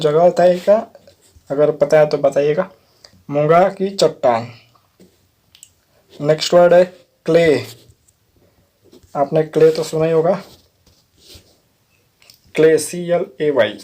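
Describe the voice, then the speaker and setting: Speaking slowly with long pauses, a man with a warm voice on the high side teaches English vocabulary. Each word gets spelled letter by letter and patiently explained, punctuated by frequent "theek hai" check-ins.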